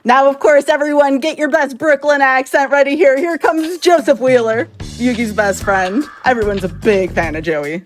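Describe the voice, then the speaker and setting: A woman's voice: high voice, normal speed, few pauses. A woman giving chatty, upbeat live commentary on her own speedrun, laughing often. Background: game music.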